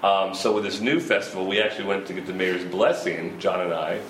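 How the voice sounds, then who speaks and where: Man in his fifties, festival organizer, rambling casual talk, laughs a lot, lowish voice, echoey room. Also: steady tone, a little fast, fairly bright tone. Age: 50s. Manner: rambling, laughs often, frequent restarts. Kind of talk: casual interview chat. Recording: roomy echo with faint ambient noise.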